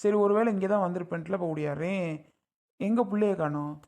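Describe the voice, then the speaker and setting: A man's voice: high voice, brisk, warm tone. A man playing a young husband who protests to his mother-in-law, pleading and exasperated. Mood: puzzled.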